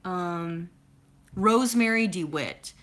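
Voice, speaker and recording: Bright-voiced young woman chatting on a livestream. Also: lowish voice, slow. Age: 20s. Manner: chatty and rambling, full of fillers and playful sound effects. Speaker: YouTuber reading live chat. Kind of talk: casual livestream chat.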